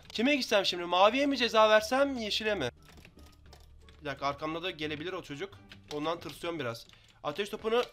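A young man from Turkey giving excitable commentary on his own Minecraft match, taunting opponents in quick banter. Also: sits high. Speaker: gaming YouTuber. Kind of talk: live Minecraft gameplay commentary.

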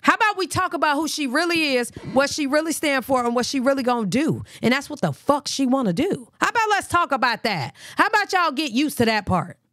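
A woman's voice: high voice, expressive, brisk, hardly any pauses, fairly bright tone, no room sound, studio quality. A woman hosting a live reaction stream in blunt, profane casual talk. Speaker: livestream host.

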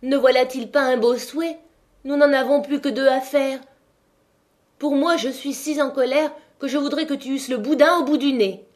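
A woman's voice: a little high, lively intonation, a little slow, darkish tone. A woman voicing a sensible but hot-headed peasant husband who scolds and pleads. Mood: angry.

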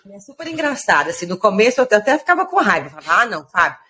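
A woman from Brazil who co-runs a food truck, joining the interview chat and telling animated stories in which she quotes her customers. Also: mid-range voice, very fast, slight background noise.

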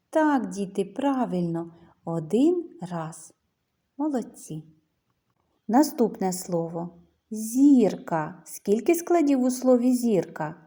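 A woman teacher speaks slowly to young children, stretching her words in a sing-song lilt. Her voice is mellow and soft, with a breathy, slightly husky edge. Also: fairly high pitch. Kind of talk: children's lesson.

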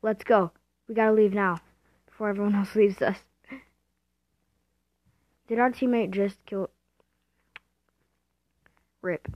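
A woman giving casual gameplay commentary, excitable and self-mocking, thinking aloud as she plays. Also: mid-range voice, slow pace, pauses often, no echo. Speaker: gamer. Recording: dull lo-fi dry home recording.

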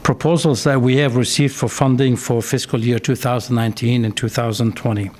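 A man, a city director, taking over a public hearing at a podium, speaking haltingly with many fillers. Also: mid-range voice, steady tone, darkish tone. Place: city council chamber, indoors. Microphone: podium microphone.

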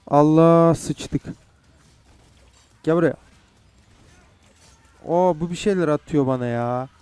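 A man's voice: on the high side, mellow, no echo. A young man playing a game and commenting, frustrated and swearing as he goes. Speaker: gamer. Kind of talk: gameplay commentary.

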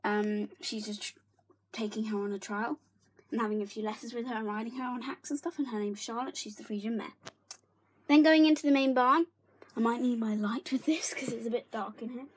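A woman's voice: on the high side, steady tone, brisk, slightly rough. Chatty young woman giving a toy tour. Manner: chatty, giggly, with whispered asides. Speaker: toy barn vlogger. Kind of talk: casual toy tour narration. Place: bedroom, indoors. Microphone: handheld phone camera.

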